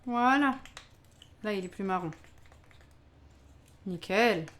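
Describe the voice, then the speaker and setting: A woman chats her way through a live baking stream, talking straight to her viewers. Her voice sits at an ordinary mid pitch, and her delivery is loose and exclamatory, sprinkled with frequent laughs. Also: slow pace, a bit bright. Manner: chatty, exclamatory, laughs often, talks to chat. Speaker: live-stream cooking host. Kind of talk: casual live-stream chat while baking.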